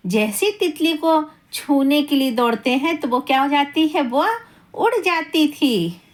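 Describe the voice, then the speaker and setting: A woman's voice: sits high, a little slow. A woman telling a children's story, repeating each line and asking her young listeners questions.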